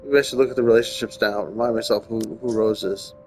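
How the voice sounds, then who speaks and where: Low, steady and darkish in tone, this man talks fast as he hosts a gaming video with faint music behind. He reasons out loud informally and narrates the story text while playing.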